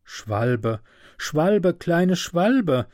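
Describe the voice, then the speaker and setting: A man reading a storybook aloud, voicing a kind, sorrowful prince statue in an earnest, gently insistent voice. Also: a little high, big pitch swings, extremely slow, dry recording, studio quality, voice pushed up, heavily acted.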